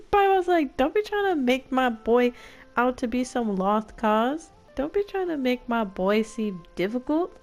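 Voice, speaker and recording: With faint game music in the background, a woman streamer offers casual gameplay commentary full of slang and short, playful quips. Her voice is high and animated yet a little slow, with a darkish tone.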